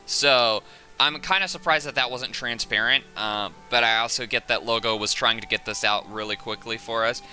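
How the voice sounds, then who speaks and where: Hosting a breakdown of game footage, a man offers casual, unscripted commentary, excitable and frequently correcting himself. His voice is medium-pitched at a moderate pace, with faint music behind.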